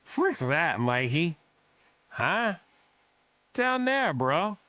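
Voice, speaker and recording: A man's voice: fairly high pitch, big pitch swings, extremely slow, pushed and bright, dry recording, lo-fi sound, voice pushed up, exaggerated voice. A man putting on a rowdy drunken bum. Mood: drunkenly puzzled. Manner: slurred, rowdy hollering. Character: drunken male bum yelling under a bridge.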